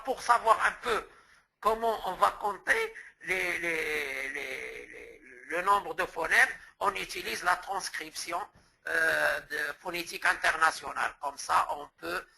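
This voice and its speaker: A man's voice: on the high side, gravelly, bright, forceful tone, husky, low-quality recording. A man from Morocco giving a lecture as a teacher trainer, explaining step by step and restating terms with word examples.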